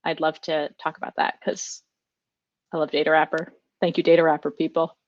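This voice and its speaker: Low-voiced woman chatting through a talk on a video call, dry and a bit muffled. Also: level tone, fairly quick, no room sound. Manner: chatty, enthusiastic, many fillers. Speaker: conference speaker. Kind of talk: casual conference talk with Q&A.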